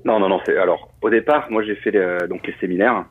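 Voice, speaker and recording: A man, a coach and former pilot, explaining his training in a relaxed, casual interview with many restarts. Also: sits low, a little fast. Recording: husky voice over a narrow phone-like line.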